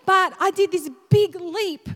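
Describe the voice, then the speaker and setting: A woman in her thirties preaching a sermon, telling a personal story with animated, laughing energy. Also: very high-pitched, measured pace. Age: 30s. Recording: long hall reverb.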